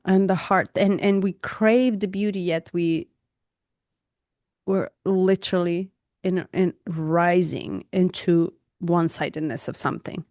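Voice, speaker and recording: A woman co-hosting a reflective spiritual podcast, speaking English as a second language, passionate and animated, laughing often. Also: lowish voice, a little slow, no room sound, clean studio sound. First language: not English. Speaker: podcast co-host. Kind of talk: casual reflective conversation.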